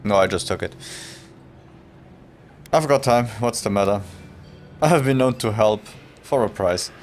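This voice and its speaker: A man's voice: fairly low pitch, measured pace, faint music behind. A man streaming a video game, chatting casually, reading player lines aloud with wry asides. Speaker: gaming streamer. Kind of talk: casual let's-play commentary.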